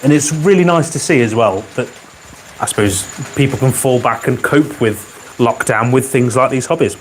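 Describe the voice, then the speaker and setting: A man hosting a casual livestream from his garage, reading viewer comments with dry humor and often clearing his throat, wearing a microphone. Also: medium pitch, moderate pace, a little hiss or hum, poor audio. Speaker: livestream host. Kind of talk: casual live chat. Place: home garage with a model railway layout.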